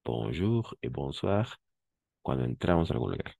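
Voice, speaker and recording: A man's voice: extremely low pitch, big pitch swings, moderate pace, creaky, warm tone, husky, no echo. A man teaching a French class, patiently repeating words and correcting pronunciation, switching into Spanish to explain. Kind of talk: language class instruction.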